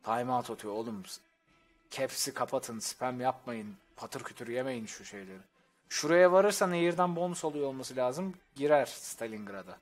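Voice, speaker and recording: A man's voice: mid-range voice, normal speed. A young man streaming and observing a strategy game league, commenting to his chat and groaning in exasperation at the players.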